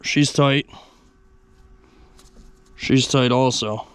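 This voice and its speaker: A mechanic restoring an old diesel engine casually guides viewers through the repair one step at a time. His medium-pitched voice is smooth and relaxed, with drawn-out words, and the recording is dry.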